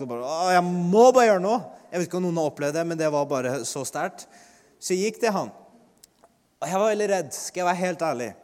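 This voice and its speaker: Male preacher, lively testimony storytelling, voices the people he quotes, long hall reverb. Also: fairly high pitch. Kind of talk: testimony sermon.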